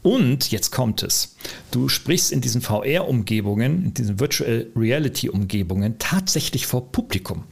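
A man co-hosting a podcast, talking casually in an animated, rambling way with many fillers and restarts. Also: mid-range voice, normal speed, vocal fry, husky. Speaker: podcast co-host, lecturer. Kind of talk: casual conversational podcast talk.

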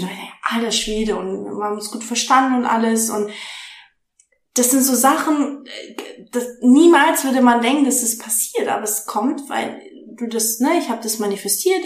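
A woman chats as an interview guest, her pitch sitting a little high. She tells her stories in an animated, excitable way. The recording has a roomy echo. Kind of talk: casual interview chat. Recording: echoey room.

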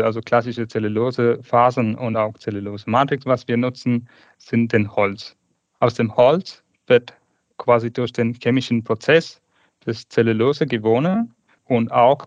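A man's voice: medium pitch, dry recording. Man, late 30s, searching for words, podcast guest, dull dry internet-call sound. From South India. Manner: hesitant, searching for words in a second language. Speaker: guest researcher. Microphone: video call.

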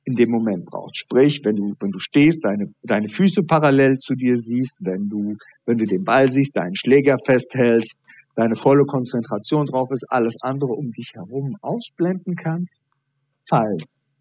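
Male coach guest, husky voice, animated storyteller, dry close recording. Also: medium pitch, normal speed, no echo. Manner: animated storytelling, acting out dialogue. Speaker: high performance coach. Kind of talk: podcast interview guest.

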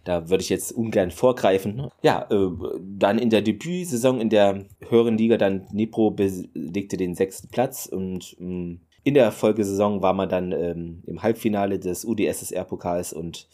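Hosting his solo football podcast, a man with a deep, dark-toned voice rambles loosely at normal speed with hardly any pauses, filling his talk with fillers and enthusiastic asides.

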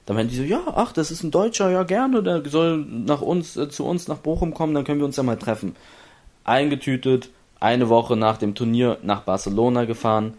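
A young Berlin man who plays esports tells his story in a casual interview, using a mid-range, darkish voice at a slightly fast clip. He rambles, restarts often, and acts out what other people said.

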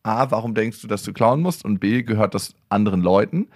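A man's voice: fairly low pitch, animated, brisk, no echo, clean studio sound. A man talking as a father in a casual podcast chat, reflective and questioning.

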